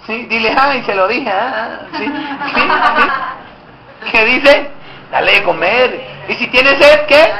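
A man's voice: high voice, pushed and bright. A man preaching to his congregation, asking them questions and acting out little scenes. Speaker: pastor. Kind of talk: interactive sermon. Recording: echoey church room with faint noise.

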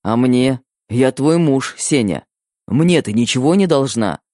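A man's voice: on the low side, normal speed, a little mellow, dry recording, studio quality, close to an everyday voice. A man voicing a tough, blunt husband in an audiobook, speaking in coarse, plain words. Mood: angry. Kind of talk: audiobook character voice.

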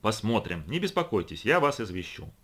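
A man's voice: on the low side, a little fast, husky, heavily acted. Brief: male reader as a cool, evasive seller, unbothered. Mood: calm evasive. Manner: calm, evasive. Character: cool, indifferent male salesman-inventor.

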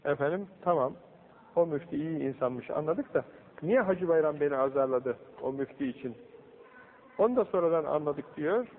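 A man gives a religious talk, acting out the people in his story with raised, lively voices. His voice sits fairly high for a man. The old recording sounds thin and phone-like, with a long hall echo and a faint hiss behind him. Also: moderate pace. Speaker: religious teacher.

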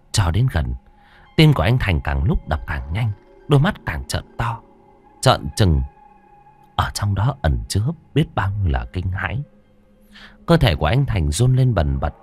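A man's voice: fairly low pitch, a little mellow, husky. A man narrating a first-person horror story for an audiobook, drawing out the eerie passages with dramatic delivery.

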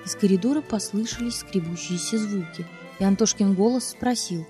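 Female audiobook narrator, warm and mellow, expressive storytelling, faint music bed. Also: mid-range voice, moderate pace. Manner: lively, expressive reading. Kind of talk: scripted literary narration.

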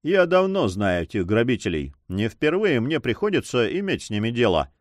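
A man's voice: mid-range voice, sing-song, normal speed, no room sound, clean studio sound, lightly acted. A man voicing a self-satisfied, swaggering Spanish coast guard captain in an audiobook. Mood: boastful.

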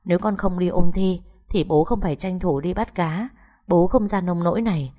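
A frightened, dutiful teenage girl who is about to sit her exams, read by a woman narrator. Her voice is mellow and fairly low, and she speaks politely and pleadingly. Audiobook storytelling. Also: normal speed, natural voice. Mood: worried, pleading. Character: anxious teenage daughter preparing for university exams.

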